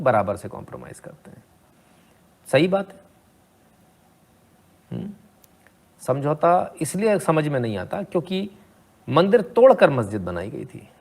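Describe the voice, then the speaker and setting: A man with a gravelly, fry-edged voice at a middle pitch delivers opinionated commentary on video clips. He talks sarcastically and rhetorically, turning to the listener with questions. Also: a little mellow. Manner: sarcastic, rhetorical, asks "hmm?" to the viewer. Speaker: commentator reacting to debate clips.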